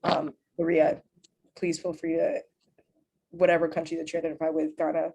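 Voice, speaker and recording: Young woman hosting an online panel, kinda low gravelly voice, chatty and upbeat, lots of "like". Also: completely flat delivery, moderate pace, mellow. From Uganda, raised in New York. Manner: chatty, upbeat, many fillers like "like". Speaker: panel moderator. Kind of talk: casual panel talk over video call. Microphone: video call.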